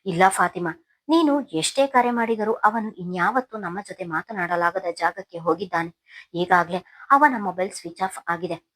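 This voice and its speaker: A woman's voice: lowish voice, close to an everyday voice. A woman voicing a grieving middle-aged father. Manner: halting, sorrowful.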